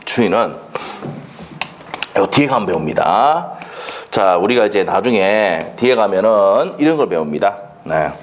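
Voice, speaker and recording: A man's voice: lowish voice, very animated, unhurried. A man lecturing on law for an exam, quizzing students with rhetorical questions and blunt dialect jokes.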